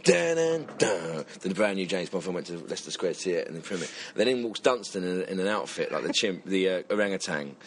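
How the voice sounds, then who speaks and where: A man's voice: sits low, quick pace, few pauses, a little hiss or hum. A man chatting casually, telling rambling self-mocking anecdotes full of quoted voices. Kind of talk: casual chat, storytelling.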